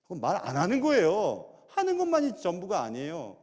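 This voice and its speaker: A middle-aged man preaching a sermon as pastor, animated and full of rhetorical questions. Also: sits high, moderate pace. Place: large church sanctuary. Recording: long church hall reverb.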